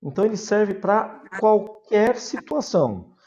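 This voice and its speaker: A man's voice: high voice, big pitch swings, a little slow, a little mellow, lo-fi sound, slight background noise. Brazilian man teaching English online. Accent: Brazilian Portuguese. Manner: explains patiently with examples. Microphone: video call.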